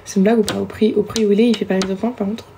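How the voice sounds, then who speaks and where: A woman's voice: medium pitch, level tone, very fast, vocal fry, mellow, a little hiss or hum. A young woman chatting casually with viewers during a live stream, self-mocking and talkative, recorded on a phone at home. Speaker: livestreamer.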